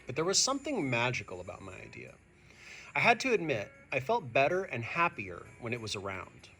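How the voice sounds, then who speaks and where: Reading a picture book to his students at a fairly quick pace, a male teacher uses a bright, mid-pitched voice full of lively, expressive intonation. He addresses the young listeners directly while soft music sits faintly underneath.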